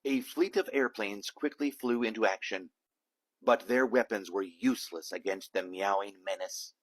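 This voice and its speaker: A man reading a children's picture book aloud in an animated, theatrical way, with dramatic emphasis. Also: lowish voice, moderate pace, rough recording. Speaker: storybook reader, a dad reading aloud.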